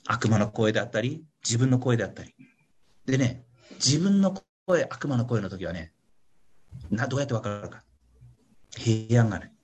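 On a muffled recording, a man with a mid-range, expressive voice speaks at normal speed with long pauses. He is a pastor leading a Bible study for his congregation in an online meeting, and his casual teaching sermon is chatty and playful, full of questioning "ne" tags directed at listeners and little voices he acts out for examples.

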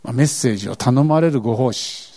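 A man's voice: medium pitch, brisk, dark tone. A male pastor preaching a sermon, earnest, with questions to the congregation.

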